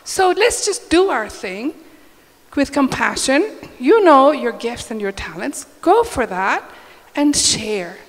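A woman's voice: sits high, very animated, slow. A woman speaking as a panelist on a conference stage, upbeat and emphatic, into a handheld mic. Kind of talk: panel discussion answer. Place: large conference hall stage. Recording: reverberant hall.

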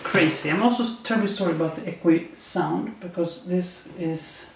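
A high-pitched man with vocal fry keeps a moderate pace as he opens cards for a casual video, making wry puns on each one. His voice rings around the bare, unfurnished new apartment, with faint noise behind it.

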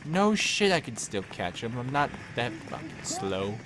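A man's voice: mid-range voice, a little slow, background noise. A man from Canada giving casual, joking commentary over a video game, with sweary, mock-heroic banter.

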